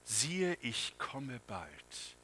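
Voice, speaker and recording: A male pastor preaching a sermon, slow and dramatic, swinging from loud phrases to hushed near-whispers. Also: mid-range voice, wildly swooping pitch, slightly rough, rough recording.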